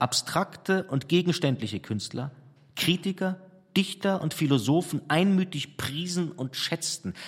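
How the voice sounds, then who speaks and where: A man with a husky voice reading a literary memoir aloud in a measured, reflective storytelling manner. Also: a little high. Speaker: narrator. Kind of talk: audiobook narration. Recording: long hall reverb.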